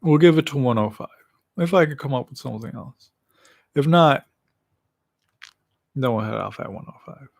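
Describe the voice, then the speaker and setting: In studio-quality audio with no echo, a livestream host in his late twenties rambles through a casual solo chat, joking at his own expense while eating. His mid-range voice is animated and creaky, with a slight lisp, a moderate pace and long pauses.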